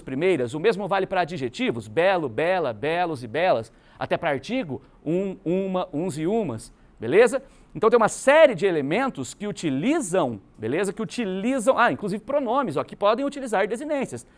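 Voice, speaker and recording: Animated Brazilian teacher with a lively, high voice. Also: male voice. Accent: Brazilian Portuguese. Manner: checks in constantly with the class, animated and emphatic. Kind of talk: exam-prep grammar lesson.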